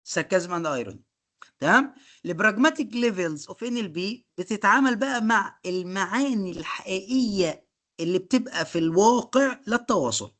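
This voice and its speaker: A man's voice: high voice, expressive, brisk, a bit bright. An Egyptian-accented man teaching a live online class. He drives each point forward with rhetorical questions, keeps checking "okay?", and slips English technical terms into his sentences. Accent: Egyptian Arabic. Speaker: course instructor.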